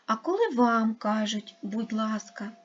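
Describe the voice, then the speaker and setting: A woman gives a children's lesson in a slow, deliberate way, spelling out each sound and syllable. Her voice is slightly husky and rises and falls a lot. The recording is a little dull and lo-fi. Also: fairly high pitch, expressive. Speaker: primary school teacher. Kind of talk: online lesson for young pupils.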